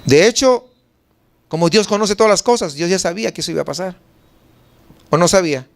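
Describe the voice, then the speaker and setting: A man's voice: high voice, lively intonation, a little fast, vocal fry. A male pastor with a Mexican Spanish accent preaching a sermon, asking rhetorical questions and answering them himself.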